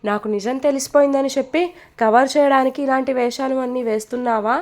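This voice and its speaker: A woman voicing a proud, quick-tempered young woman who snaps back indignantly, in a told romance story. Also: sits high, steady tone, lightly acted. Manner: indignant, sharp-tongued.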